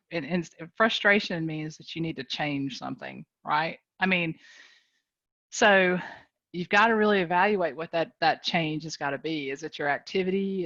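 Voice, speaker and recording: A woman with a warm North Carolina drawl speaks low and folksy, laughing easily as she encourages her listeners. She is on a video call, and her voice sounds dry and a little dull. Her talk is casual, motivational chat. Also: dry recording. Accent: Southern US, North Carolina. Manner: folksy, animated, laughs often. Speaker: guest speaker, business leader.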